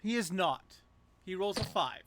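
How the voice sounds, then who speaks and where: A man's voice: high-pitched, lively intonation, normal speed, fairly bright tone, a little hiss or hum. A man chatting casually as a player in a tabletop game. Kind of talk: casual chat.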